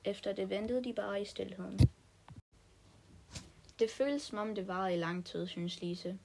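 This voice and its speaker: A woman reads a story aloud at a medium pitch, in an ordinary, unpolished way. She stumbles and restarts now and then as she narrates. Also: steady tone, creaky, darkish tone, a little hiss or hum. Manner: plain reading with small restarts.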